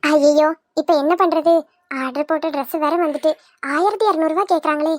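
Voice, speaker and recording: A woman doing a crafty young wife in a cartoon, wheedling and pleading in a very high, sugary voice. She talks. The sound is close and dry, with no room. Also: steady tone, brisk, dry recording, natural voice. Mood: worried. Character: cunning young wife, sweet-talking schemer. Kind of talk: cartoon voice acting.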